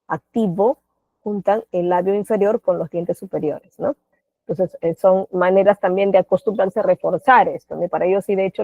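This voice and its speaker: A Peruvian woman with a Peruvian Spanish accent teaches an online class, patiently putting questions to her students and tacking tag questions onto her sentences. Her voice is fairly low and gravelly, and the audio is dry and phone-like with no room sound.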